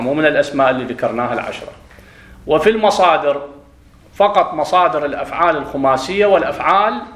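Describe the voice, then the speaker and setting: A man teaching a grammar lesson in a classroom. He drills pronunciation by contrasting right and wrong forms and checks understanding with quick questions. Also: a little high, fairly bright tone. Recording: roomy echo.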